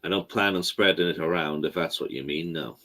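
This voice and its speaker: Deep-voiced man probing carefully. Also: a little fast, a bit bright. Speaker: player. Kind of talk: tabletop role-play.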